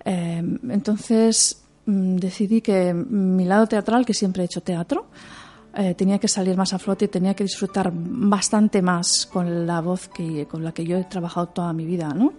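Expressive woman opera singer, interviewed. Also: fairly low pitch, moderate pace, faint music behind. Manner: expressive, animated storyteller with laughs. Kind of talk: interview conversation.

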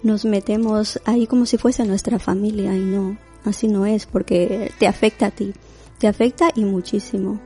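A woman's voice: medium pitch, fairly even intonation, moderate pace, warm tone, breathy edge, soft background music. A Latin American woman in her forties, a domestic worker, telling her story in an interview, reflective and full of restarts. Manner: reflective, many restarts and fillers. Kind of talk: conversational interview.

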